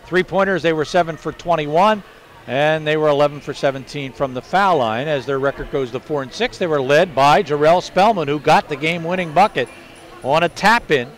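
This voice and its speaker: A man announcing the final game numbers in smooth broadcaster style. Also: fairly high pitch. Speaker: play-by-play broadcaster. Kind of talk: broadcast stat rundown.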